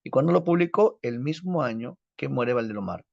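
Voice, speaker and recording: A man's voice: mid-range voice, lively intonation, brisk, creaky, darkish tone, dry recording. Male teacher telling a dramatic story. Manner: dramatic, acts out scenes, rhetorical questions. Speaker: literature teacher. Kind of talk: animated storytelling lecture. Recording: dull lo-fi dry recording.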